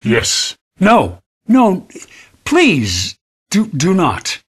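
In a video game, an actor voices a corrupted male ship AI, his raspy, processed voice torn between frightened pleading and a menacing hive voice. The delivery is exaggerated and extremely slow, high-pitched, with pitch swooping wildly.

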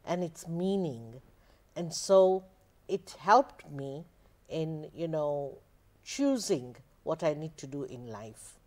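An older woman from Zambia, a spiritual teacher and studio guest, answering interview questions in a measured, unhurried way on a lapel mic. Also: low-pitched, lively intonation, darkish tone. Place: TV studio, indoors.

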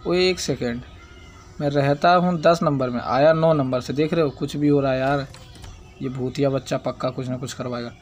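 A young man giving casual, excitable gameplay commentary, chatting in slang and scolding the game's baby character. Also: medium pitch. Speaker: gaming YouTuber.

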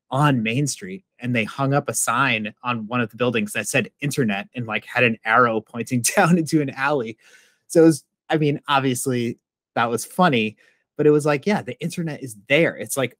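A man's voice: mid-range voice, no echo. A man in his thirties from Massachusetts, a professor speaking as a guest in a thoughtful, conversational way with many "like" fillers, over a video call. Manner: thoughtful, frequent "like" fillers, expressive hand gestures. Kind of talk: conversational interview answer. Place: home office. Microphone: video call with earbuds.

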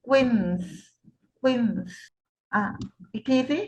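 A woman with a Thai accent tutoring a child in phonics, sounding out English words slowly and patiently. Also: on the high side, vocal fry, a little mellow. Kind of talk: phonics lesson. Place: home tutoring room. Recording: dull lo-fi recording.

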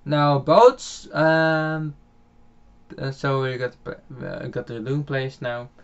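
Meandering through a farming game, a young gaming channel host from the Netherlands speaks with a Dutch accent, stacking fillers, restarting often, and chuckling a lot. His voice is middling in pitch, slow, clear, and resonant with vocal fry, though his home mic sounds a bit dull and muffled.

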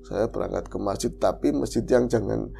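A man's voice: on the low side, normal speed, creaky, warm tone, faint music behind. A man tells his life story in a casual interview. He speaks earnestly, as if making an emotional confession. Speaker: guest, reformed street thug.

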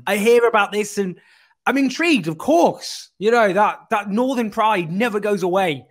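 A man, hosting a political interview over a video call, animated and full of joking asides. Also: sits high, moderate pace. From northern England. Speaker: host. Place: small room indoors. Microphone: studio mic on a boom arm.

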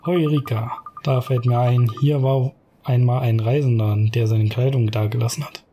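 A man's voice: medium pitch, fairly even intonation, normal speed, dark tone, slight background noise, natural voice. A man voicing a kindly, forgetful elderly female owl shopkeeper in a game, musing in polite, old-fashioned words.

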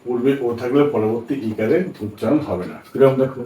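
A man's voice: mid-range voice, fast talker, dark tone. A Bengali-speaking man teaching English pronunciation, patiently spelling out letters and often checking that his students follow. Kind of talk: spoken English pronunciation lesson. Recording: echoey room, distant from mic, faint background hiss.

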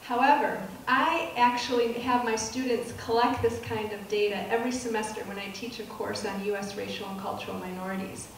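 A middle-aged woman, a professor, delivers a public lecture in a soft, measured voice of medium pitch with fairly even intonation, frequently pausing on ums and restarting phrases. She stands on a dark auditorium stage with a projector screen, holding a handheld mic. The sound comes from a far camera, so it's distant and echoey with room noise from the hall.

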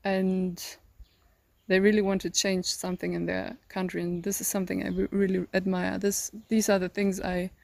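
Jovem alemã hesitante, com sotaque alemão. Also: female voice, medium pitch, flat delivery, moderate pace, gravelly, a little mellow, no room sound. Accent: German. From northern Germany. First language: German. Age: teens. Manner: thoughtful, searching for words, many ums and restarts. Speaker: interview guest, volunteer. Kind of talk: casual interview answers. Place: outdoors in a green garden. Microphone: handheld phone held by interviewer.

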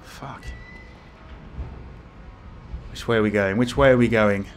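A man's voice: on the low side, fairly even intonation, slow, a little hiss or hum. A man giving casual let's play commentary as a scared, jumpy horror game streamer who exclaims and swears. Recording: music behind the voice.

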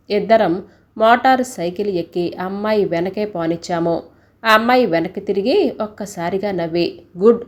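Woman reading a short story aloud. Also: medium pitch. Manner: voices characters' lines in the same voice. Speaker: story narrator.

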